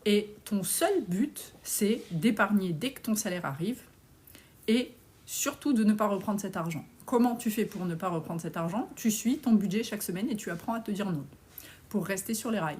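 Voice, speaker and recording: A woman's voice: medium pitch, lively intonation, moderate pace, a little mellow. A woman, coaching on personal finance as she answers viewer comments on a live stream in a blunt, outspoken, casual way. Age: 40s.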